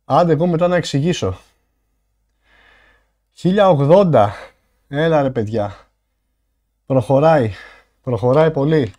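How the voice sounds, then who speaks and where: A man streaming live, chatting casually with viewers while out of breath and thanking donors with loud bursts of excitement. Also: a little high, pauses often, dull audio. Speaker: livestreamer. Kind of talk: casual livestream chat with viewers.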